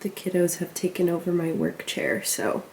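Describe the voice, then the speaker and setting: A woman's voice: fairly low pitch, big pitch swings, normal speed, a little hiss or hum. A young woman vlogging casually, chatty and upbeat, her voice a bit nasal from a cold. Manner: upbeat, chatty, many "like" fillers. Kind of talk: casual vlog talk to camera.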